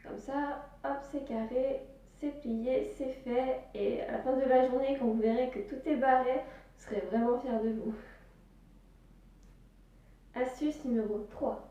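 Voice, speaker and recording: A slightly high, mellow-toned woman chatting through productivity tips in a casual vlog. She sounds set back from the mic in a very echoey room, with a loose, informal way of talking. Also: fairly even intonation, unhurried, recorded from a distance, highs cut off. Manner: chatty, with many fillers like "voilà" and "hop". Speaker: business vlogger.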